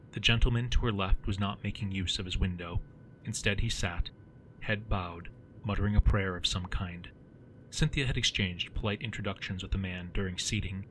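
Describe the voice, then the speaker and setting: A man narrating his own story in a steady, measured reading. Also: low-pitched, slight background noise, rough recording. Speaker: author and narrator.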